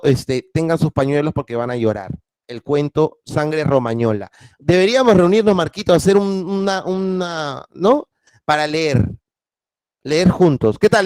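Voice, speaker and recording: A male teacher giving a class, asking his students questions and reading a story aloud with lively expression. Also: a little high, clean tone, no room sound. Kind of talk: online class lecture with read-aloud.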